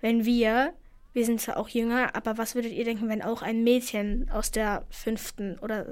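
A teenage girl from Afghanistan chatting casually, telling stories about school in an animated, indignant way. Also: fairly high pitch, moderate pace, clean tone. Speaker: student talking about school. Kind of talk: casual chat.

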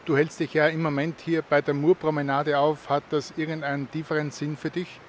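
Flat-toned male street reporter. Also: a little high, a little fast, slight background noise. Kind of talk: street interview questions. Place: outdoors on a riverside promenade.

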